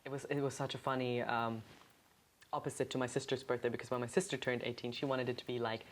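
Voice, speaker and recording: A woman's voice: a bass voice, little pitch movement, quick pace, slight background noise. A woman in her twenties from Germany, co-hosting a podcast and telling a long, rambling story full of fillers and restarts. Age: 20s. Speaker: podcast co-host. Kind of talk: casual chat.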